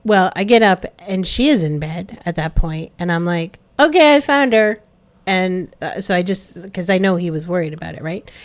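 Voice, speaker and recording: Middle-aged woman, podcast co-host, relaxed casual storytelling, agreeable. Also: on the low side, moderate pace, few pauses. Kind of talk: casual chat.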